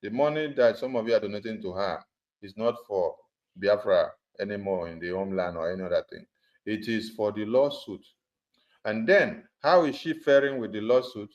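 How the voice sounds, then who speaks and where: A man's voice: on the low side, moderate pace, darkish tone. A man speaks on a conference call, addressing supporters in an emphatic, repetitive way. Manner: emphatic and repetitive, hammering points. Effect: conference call audio. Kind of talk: political address on a group call. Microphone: phone or computer on a group call. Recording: dull lo-fi conference call line.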